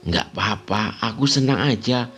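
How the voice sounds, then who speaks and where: A man voicing a quiet, eerie young child who gives short, flat, evasive answers, over background music. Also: on the low side, normal speed, natural voice. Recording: music playing underneath.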